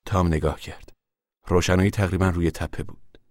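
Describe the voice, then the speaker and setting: A man narrating a literary radio drama in a measured, solemn way. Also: low-pitched, fairly even intonation, a little mellow, no echo, studio quality.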